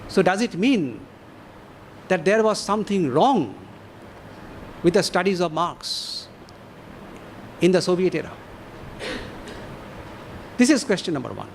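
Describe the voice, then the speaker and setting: A man with an Indian English accent giving an academic lecture to an audience, deliberate and posing rhetorical questions with measured pauses. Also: sits high, big pitch swings, vocal fry, slight background noise.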